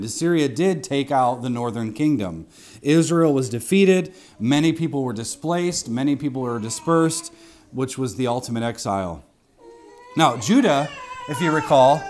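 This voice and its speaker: A man preaching an expository sermon in a teacherly way, repeating key phrases for emphasis and checking in with his listeners. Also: fairly high pitch. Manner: didactic, with rhetorical questions and asides to listeners.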